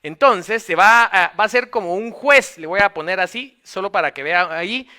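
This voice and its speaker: A man giving a law lecture, dictating steps and repeating phrases slowly so students can note them down. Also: high-pitched, sharp tone, clean tone.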